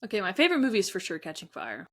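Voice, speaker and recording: A woman co-hosting a podcast, chatting casually and fast, with many fillers. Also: mid-range voice, huge pitch swings. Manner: chatty, filler-laden, says "honestly" and "like". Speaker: podcast co-host. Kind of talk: casual chat.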